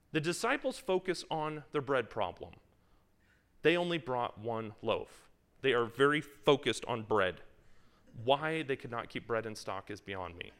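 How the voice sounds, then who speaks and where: A Bible teacher with a slightly high, fairly bright voice leads a Bible study before a live group. He talks conversationally, quizzes his listeners, and reads scripture aloud with emphasis.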